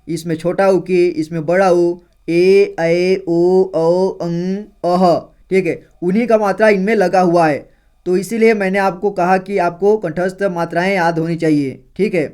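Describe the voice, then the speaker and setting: Slow-paced high-voiced male teacher. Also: darkish tone, clear, resonant tone. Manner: slow, repetitive, often adds "theek hai" and calls viewers friends. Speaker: Hindi teacher. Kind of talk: explaining and reciting Hindi syllables.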